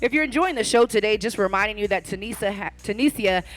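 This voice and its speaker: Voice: mid-range voice, quick pace, fairly bright tone. A bodybuilding show announcer speaking live from the stage, calling out directions to competitors and addressing the audience. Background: event music.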